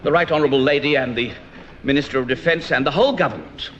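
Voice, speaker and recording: A man's voice: medium pitch, quick pace, a bit bright. A man, a member of Parliament in opposition, giving a declamatory debate speech in the House of Commons, firing pointed rhetorical questions. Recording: dull, faintly noisy 1982 off-air radio recording.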